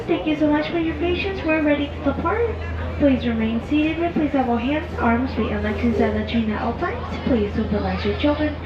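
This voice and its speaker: A woman conductor making informal live safety announcements over a train PA loudspeaker, with casual fillers and restarts. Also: sits high. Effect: heard over a train PA loudspeaker. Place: open-air train carriage. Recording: echoey, distant, muffled PA with noise.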